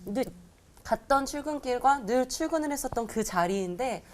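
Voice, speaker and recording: A woman's voice: high voice, moderate pace. A woman comedian sharing a personal testimony, telling it vividly and acting out the voices of the people in it. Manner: animated storytelling, acting out quoted voices.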